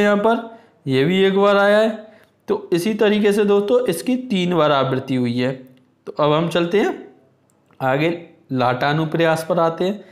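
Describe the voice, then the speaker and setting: A man teaching an exam-prep Hindi grammar lesson, explaining patiently and reading examples aloud slowly. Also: high-pitched, reverberant. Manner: explains slowly, addresses viewers as friends, reads examples aloud.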